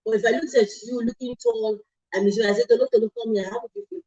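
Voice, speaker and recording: A middle-aged woman hosting a talk show, animated, with many asides and self-corrections. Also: fairly high pitch, fast, muffled recording. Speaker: host.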